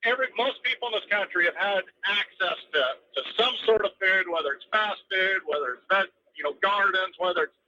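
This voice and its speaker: A man with a high, bright voice calls in to a radio show from a moving truck. The line is muffled and lo-fi, with road noise behind him. He rambles earnestly and stacks up his points with plenty of ums. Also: fairly quick, hardly any pauses. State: driving while talking. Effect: phone call from a moving truck. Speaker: radio call-in caller. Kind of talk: casual call-in chat. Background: road and vehicle noise.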